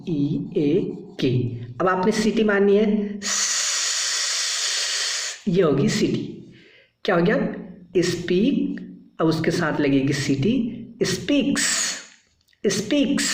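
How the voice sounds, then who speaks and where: A man leads a spoken English lesson at a slow, patient pace. He repeats single sounds and short words again and again and keeps checking in with his listeners. His voice rings in an echoey room. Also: sits high, a little mellow. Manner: checks in with frequent "ठीक है". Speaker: English teacher.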